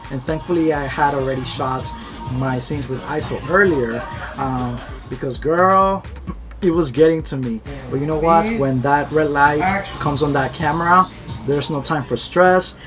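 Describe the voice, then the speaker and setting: Over loud background music, a male vlogger narrates in an unhurried, fairly high voice. His tone is casual, upbeat and heartfelt, and he keeps coming back to the idea of trusting his heart.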